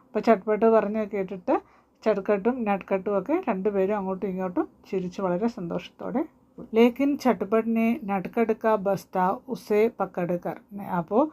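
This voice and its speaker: This is a woman teaching a Hindi story to students. Her voice is mellow and relaxed. She reads each line slowly, then goes over it again in simple words and asks questions as she goes. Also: medium pitch.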